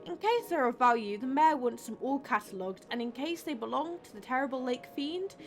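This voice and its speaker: A woman's voice: high voice, lively intonation, a little fast, faint music behind. A woman voicing a chatty, rambling small-town tourism officer in a game.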